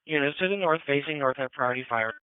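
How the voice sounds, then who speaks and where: This dispatcher's voice sits on the high side, smooth and fast, as he curtly echoes reports in procedural radio shorthand. It's heard through narrow-band police scanner audio.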